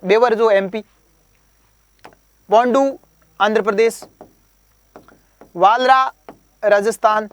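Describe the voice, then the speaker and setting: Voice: medium pitch, no echo. Exam coach, drills terms over and over, quizzes the class, plays with memory tricks, dry close sound. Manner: uses playful memory tricks. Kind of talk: exam prep lecture.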